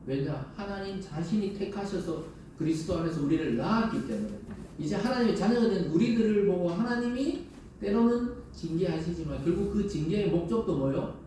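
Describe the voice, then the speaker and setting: A male pastor delivers a sermon in a mellow, somewhat raised voice. He talks to his congregation conversationally, firing rhetorical questions at them. The sound is distant and drowned in heavy church reverb, with a faint hum underneath. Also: high-pitched, brisk. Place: large church sanctuary.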